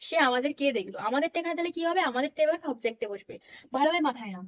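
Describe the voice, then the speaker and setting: High-voiced woman teaching English grammar. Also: lively intonation, very fast, lo-fi sound. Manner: patient, checks understanding often. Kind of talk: explanatory lesson.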